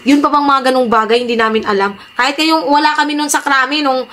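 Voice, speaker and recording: A woman's voice: high voice, steady tone, fast talker, fairly bright tone, a little hiss or hum. A woman vlogger ranting indignantly to her viewers in heated commentary, often asking her audience to agree with her. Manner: ranting, indignant, repeatedly asks "di ba?".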